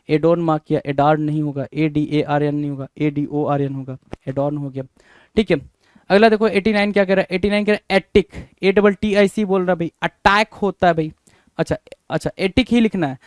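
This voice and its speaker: A man's voice: fairly high pitch, no echo, clean studio sound. Man spelling words out letter by letter. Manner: drills each word by spelling it letter by letter, asking rhetorical questions. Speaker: English spelling teacher. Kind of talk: exam-prep spelling lesson.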